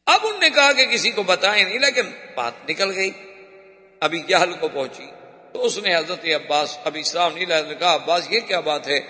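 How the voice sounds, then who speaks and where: A male preacher with a high, bright, forceful voice tells a story in a sermon. He acts out the cries and dialogue dramatically, and his voice rings with a long reverb in a hall. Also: animated. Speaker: Islamic preacher.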